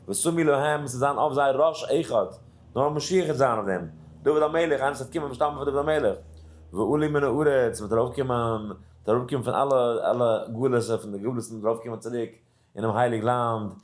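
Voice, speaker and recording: A man's voice: medium pitch, fairly quick. Man, rabbi, storytelling Torah lesson, acts out voices, singsong verse chanting. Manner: animated storyteller acting out characters, mixing in English and Hebrew. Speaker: rabbi teaching daily Torah study.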